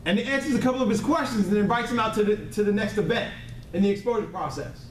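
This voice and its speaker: Guy with a really high voice doing a motivational sales seminar, blunt, repeats himself for punch, roomy echo. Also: fast. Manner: emphatic repetition for effect; frequently checks in with listeners. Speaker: sales trainer. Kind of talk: motivational training seminar speech. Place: indoor training room with a live group. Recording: echoey room, distant mic, faint noise.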